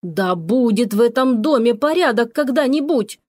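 In a storybook reading, a woman voices a stern witch, the mistress of the house, who scolds and commands. Her voice is fairly high with lively intonation, a moderate pace and a darkish tone. The audio is studio quality with no room sound.

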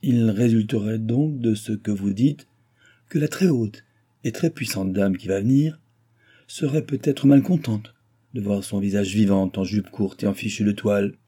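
A man's voice: fairly low pitch, moderate pace, mellow, husky. A man reading an audiobook, voicing an old, skeptical, blustering nobleman with a sarcastic manner.

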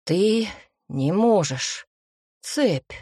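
A woman reading an audiobook, voicing a wry male dragon in human form with a dry, teasing, low-pitched manner. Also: animated, very slow, warm tone, husky, no room sound, exaggerated voice. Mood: dazed.

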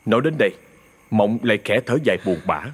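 A man narrating an audio ghost story in an expressive, dramatic storytelling manner. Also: on the low side, quick pace, breathy edge.

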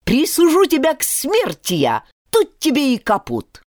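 A woman's voice: sits high, huge pitch swings, darkish tone, dry recording, studio quality, pitched above the performer's own voice, exaggerated voice. Woman doing a menacing storybook cat. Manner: slow, drawn-out threatening verse. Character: bossy, menacing cat judge in a verse tale.

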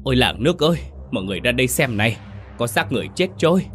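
A man voicing a frantic village boatman who shouts out an alarm in a shrill, hurried voice. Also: very animated, faint music behind.

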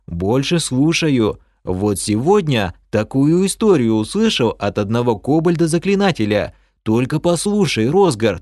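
A man playing a shy, dreamy bald elf in a fantasy audiobook, somewhat higher than a plain male voice. He drawls his words slowly and calmly. The recording is dry and close. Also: no room sound, natural voice. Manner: drawling, placid, unhurried. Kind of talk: audiobook character voice.

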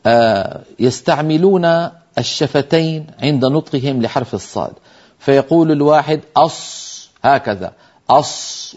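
A man's voice: medium pitch, a little mellow. Older male recitation teacher, lo-fi. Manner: patient, emphatic explaining, voicing letter sounds. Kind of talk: televised recitation lesson.

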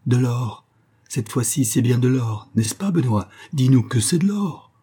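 A man voicing an excitable, greedy male convict lockpicker who breaks into loud, feverish outbursts. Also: lowish voice, fairly quick, husky. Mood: frenzied.

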